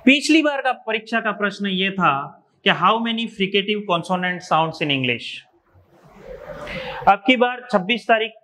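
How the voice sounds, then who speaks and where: Male teacher from India, high voice, methodical and repetitive. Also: a bit bright. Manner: explains step by step, repeats key terms. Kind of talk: exam revision lecture.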